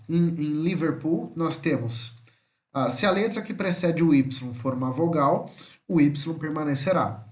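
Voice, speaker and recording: A man teaching an English spelling lesson, repeating English words slowly and tagging nearly every phrase with a questioning "tá?". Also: fairly high pitch. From Brazil. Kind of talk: recorded homeschool lesson.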